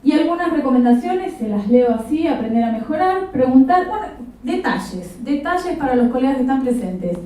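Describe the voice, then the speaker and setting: A woman's voice: high voice, very animated, a little fast, warm tone. A woman with an Argentine Rioplatense accent giving a practical, explanatory lecture at a professional conference, with a touch of humor. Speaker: conference speaker. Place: conference hall. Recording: very echoey hall, voice from far off.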